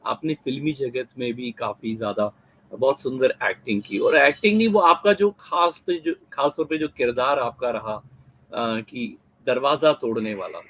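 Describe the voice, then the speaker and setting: A man's voice: mid-range voice, moderate pace, fairly bright tone, dry recording, low-quality recording. A man hosting an interview over a video call, asking respectful questions in a polite, deferential manner. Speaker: host.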